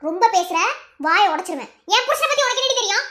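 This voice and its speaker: A woman's voice: very high-pitched, expressive, fast, heavy background noise. A woman voicing a fierce young wife in a cartoon, with a Madurai Tamil accent, scolding and threatening in her husband's defense.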